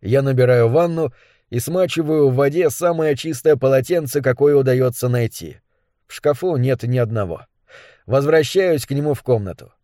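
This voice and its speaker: Guy reading an audiobook, measured and dramatic, dry close mic. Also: medium pitch, mellow, no room sound. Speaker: audiobook narrator. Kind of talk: scripted narration.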